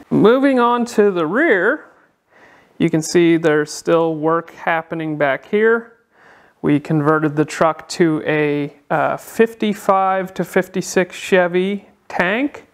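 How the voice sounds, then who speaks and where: Man giving a relaxed garage walkthrough. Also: high-pitched, slow pace. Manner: relaxed, explanatory, with frequent "uh" fillers. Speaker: car builder and channel host. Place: indoor auto workshop.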